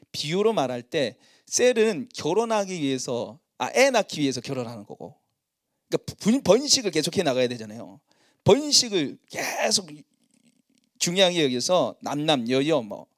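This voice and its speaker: A middle-aged male pastor preaching in a church, telling stories about himself in a lively, self-mocking way. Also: on the high side, dry recording, studio quality. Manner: storytelling, animated and self-mocking. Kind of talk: sermon.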